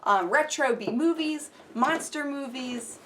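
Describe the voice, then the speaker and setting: A woman's voice: sits high, animated, measured pace, fairly bright tone, a little hiss or hum. A woman co-hosting a casual vlog, chatting encouragingly about collectibles. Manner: encouraging, conversational. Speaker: co-host. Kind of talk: casual chat.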